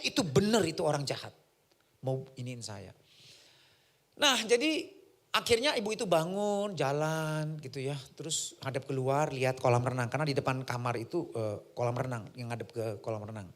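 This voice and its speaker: A male preacher telling a personal story in a sermon, his pitch leaping up and down with the drama. His voice is bright and forceful, and he slips into the voices of the people in the story. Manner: animated storytelling, acting out voices. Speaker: pastor.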